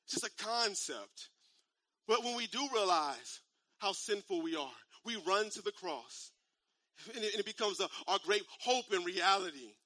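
Man in his 30s, sermon, high voice, very bright tone, dry close sound, casual slang, repeats phrases. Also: lively intonation, normal speed, no echo. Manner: conversational preaching, repeats phrases, rising to shouts. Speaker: pastor.

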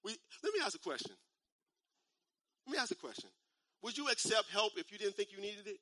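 A man in his thirties preaching a sermon in a conversational style, repeating phrases and using casual slang, building up to shouts. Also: high voice, big pitch swings, brisk, no room sound. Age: 30s. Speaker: pastor.

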